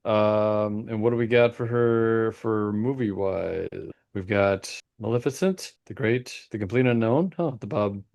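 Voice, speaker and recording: A middle-aged man co-hosting a podcast in casual, jokey banter, a bit sleepy and quick to poke fun at himself. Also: fairly low pitch, darkish tone. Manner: jokey, self-deprecating, laughs often. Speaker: podcast co-host.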